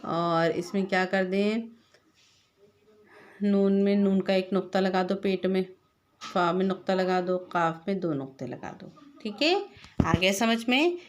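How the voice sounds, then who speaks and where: A woman's voice: medium pitch, a little slow, long pauses. A woman teacher patiently spelling out letters one by one for young children and quizzing them as she goes. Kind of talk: slow classroom lesson.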